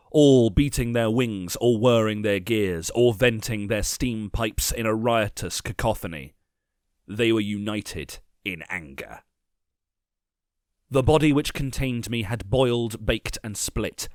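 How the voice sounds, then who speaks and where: A man narrating a dark first-person story with measured, grim delivery. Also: lowish voice, no echo, studio quality.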